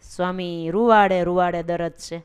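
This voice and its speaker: A woman narrating a devotional story in a lively, conversational way. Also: lowish voice, moderate pace, clear, resonant tone. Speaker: religious storyteller.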